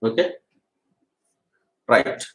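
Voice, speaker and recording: In an echoey room, a man with a slightly bright voice and a Telugu accent runs an English grammar class. Each example sentence gets drilled and repeated, and he urges the students to practise fast.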